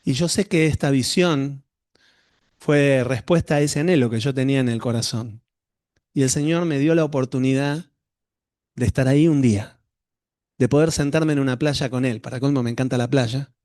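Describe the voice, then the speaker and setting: A man's voice: medium pitch, normal speed, darkish tone, no room sound, studio quality. A middle-aged male pastor, telling a personal story to his congregation in a conversational sermon.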